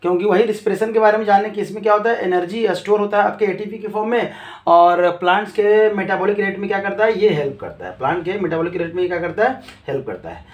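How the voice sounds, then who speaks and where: A man's voice: sits high, fast. A male teacher lecturing a class, who asks questions and then answers them himself, going back over each key term several times. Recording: echoey room.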